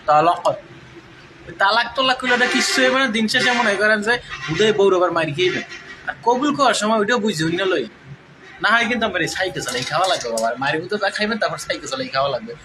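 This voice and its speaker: A young man with a high voice talks in a mock-preachy, joking way and draws out his words for effect. He speaks outdoors from a bicycle. Loud street noise runs under his voice. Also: fast talker. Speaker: vlogger. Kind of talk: casual comedic vlog talk. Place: outdoors while riding a bicycle.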